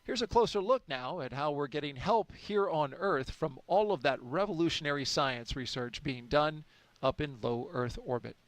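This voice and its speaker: A man's voice: a little high, normal speed. A man giving upbeat, chatty live commentary as a launch broadcast host.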